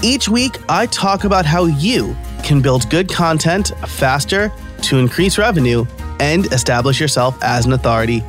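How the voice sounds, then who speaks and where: A man's voice: fairly high pitch, lively intonation, normal speed, soft background music. A middle-aged man with a New York accent, hosting a casual, conversational podcast interview. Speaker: podcast host.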